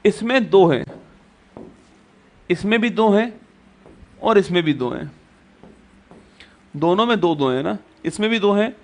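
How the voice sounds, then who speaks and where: Male coaching teacher with a high voice, repetitive, quizzing style. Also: lively intonation, unhurried, long pauses. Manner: repetitive, quizzes students with rhetorical questions. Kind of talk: exam-prep classroom lecture.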